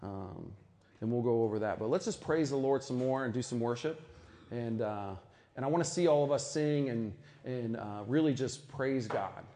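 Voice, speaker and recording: A man's voice: medium pitch, normal speed, mellow. A middle-aged man speaking earnestly at a faith conference, reflective, with frequent restarts and asides. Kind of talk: sermon-style talk at a conference.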